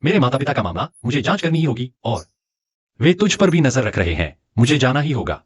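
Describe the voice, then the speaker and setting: A man's voice: mid-range voice, very animated, fairly quick, husky, dry recording, clean studio sound. A man dubbing a cool young male hero in a drama, with a mocking, self-assured manner. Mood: earnest. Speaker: dubbing actor. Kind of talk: dubbed drama acting.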